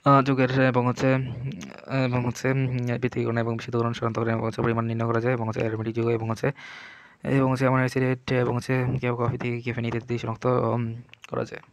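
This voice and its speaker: A chemistry tutor rushes through an exam revision lecture, firing off points one after another and linking each to the next with the same connective phrase. He speaks at medium pitch in a monotone, and the audio is lo-fi.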